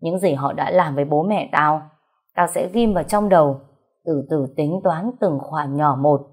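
A woman's voice: low-pitched, moderate pace, breathy edge. Woman reading as a bitter vengeful young man.

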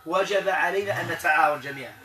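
A man with a Moroccan accent, working as a Quranic healer in a spoken exorcism session. He keeps asking short tag questions and murmurs prayers softly. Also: a little high, racing. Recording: echoey room, voice from a distance, crowd behind.

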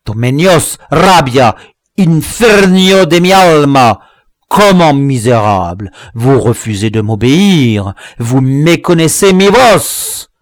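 A man reading an audiobook, voicing a vengeful dwarf villain who mixes Spanish words into his shrill cursing threats. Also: no echo, clean studio sound. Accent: Spanish words mixed in. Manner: shrill, spitting curses and threats.

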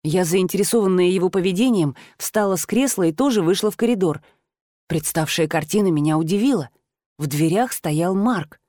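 A woman narrating a fantasy story in the first person, in a steady storytelling manner that rises higher when she voices the heroine. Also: brisk, no room sound, studio quality. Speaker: audiobook narrator.

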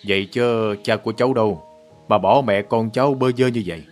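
A man playing a wealthy older landowner who asks questions in a measured, fatherly way. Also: fairly low pitch, soft background music, close to an everyday voice. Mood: gentle.

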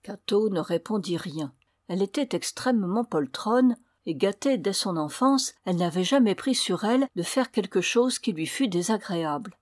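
A woman reads a fairy tale aloud, measured and even in her storytelling. Her voice has a middle pitch, and the recording is dry and close. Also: no echo. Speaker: narrator.

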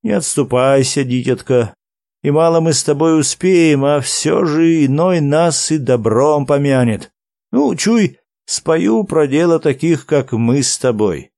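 A man voicing an old wandering minstrel who tells his tale in a fond, drawn-out folk manner. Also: fairly high pitch, expressive, creaky, darkish tone, no echo, studio quality. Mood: tender. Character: old male wandering minstrel, gentle storyteller.

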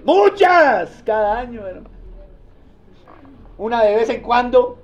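High-voiced male pastor preaching. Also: a little slow. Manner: lively storytelling preacher, asks the congregation questions. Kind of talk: sermon. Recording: dull lo-fi recording.

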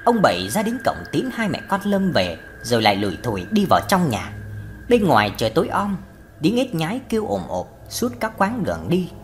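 Lively, low-voiced woman narrating a ghost story. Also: brisk, slight background noise. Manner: expressive, dramatic. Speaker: audiobook narrator.

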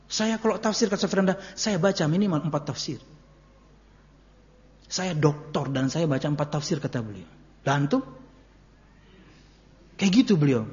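A man giving a casual, joking Islamic sermon, slipping in local words. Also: sits high. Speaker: Islamic preacher. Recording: muffled lo-fi recording.

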